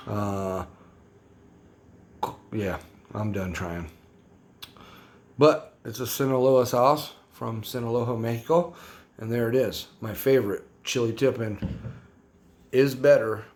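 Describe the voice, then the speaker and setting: A man's voice: lowish voice, measured pace, pauses often, a little mellow. A man casually reviewing a hot sauce for his vlog, rambling and slangy, repeating himself as he talks.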